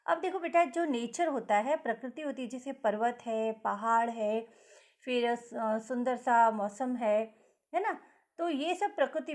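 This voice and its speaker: Patient woman teacher reading aloud. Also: a little high. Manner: slow repetitive model reading with stressed words. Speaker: schoolteacher. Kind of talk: classroom lesson for children.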